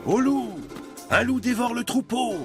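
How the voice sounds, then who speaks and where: A man's voice: extremely high pitch, fairly even intonation, measured pace, over loud music, pitched above the performer's own voice. A man voicing a mischievous young shepherd boy crying out in a fable told within a documentary. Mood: mock alarm.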